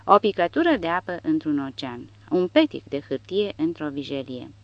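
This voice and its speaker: A woman narrating an audiobook in a dramatic, expressive reading style. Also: low voice, no room sound. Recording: dull dry recording.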